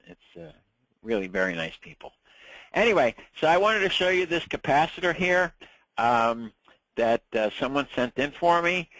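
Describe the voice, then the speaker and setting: Heard through poor audio with no room sound, a mid-range, fairly bright male voice leads a casual ham radio licensing class. The speaker, a sixty-something from Long Island with a New York accent, chats and tells stories, repeating words each time he starts a sentence over.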